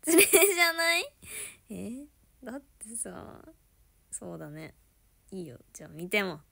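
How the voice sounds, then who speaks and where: A woman chatting casually with viewers on a livestream, giggling often and sometimes dropping to a soft murmur. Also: mid-range voice, big pitch swings, a little slow, creaky.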